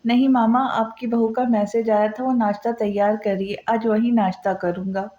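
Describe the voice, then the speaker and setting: A woman's voice: a little high, fairly even intonation, moderate pace, mellow, highs cut off, close to an everyday voice. A female narrator voicing a cheerful young married man who speaks with a smile. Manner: smiling and light.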